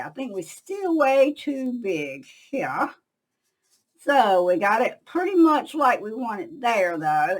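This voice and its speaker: An older woman, hosting a casual crafting tutorial from her craft shop, chatting to viewers as she works and going quiet while she concentrates. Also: mid-range voice, a little hiss or hum, poor audio. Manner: chatty, talks to viewers while working, trails off when concentrating.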